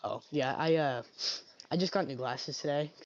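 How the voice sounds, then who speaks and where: Voice chat caller with audio cutting out. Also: mid-range voice. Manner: halting, restarts sentences often. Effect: voice cutting out from noise suppression. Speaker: friend on a call. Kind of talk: casual chat. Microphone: gaming console headset over voice chat. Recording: dull lo-fi online voice chat.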